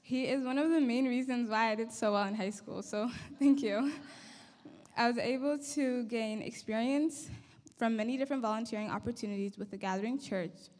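A woman's voice: a little high, normal speed, darkish tone. A young woman from Somalia giving an earnest, grateful prepared speech into a handheld mic as a guest speaker in a church hall. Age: young adult. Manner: earnest and grateful, reading from notes. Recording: long hall reverb.

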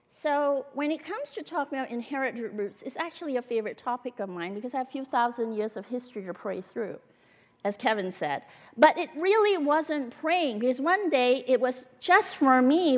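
Woman preaching in a reverberant church hall. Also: a little high. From Malaysia and Singapore. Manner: conversational, earnest, with frequent fillers. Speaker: guest speaker at a church. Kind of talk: sermon with personal testimony.

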